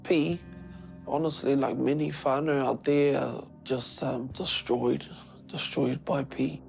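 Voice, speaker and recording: A man's voice: medium pitch, fairly even intonation, slow pace, creaky, a little mellow, soft background music. A man speaking reflectively in an unscripted interview. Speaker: documentary participant.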